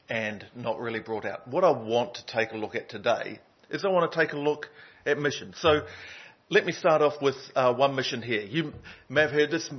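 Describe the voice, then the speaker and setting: A man preaches a sermon in a loose, conversational way, often stopping on an um or uh. His voice is husky, and the recording sounds muffled and lo-fi. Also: mid-range voice. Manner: conversational, lots of ums and uhs. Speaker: pastor. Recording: dull lo-fi sound.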